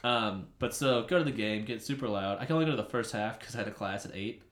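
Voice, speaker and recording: A man in his twenties, a podcast co-host telling a rambling, animated story in casual chat. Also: lowish voice, fast. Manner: rambling, animated, shouts out quoted lines. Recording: roomy echo.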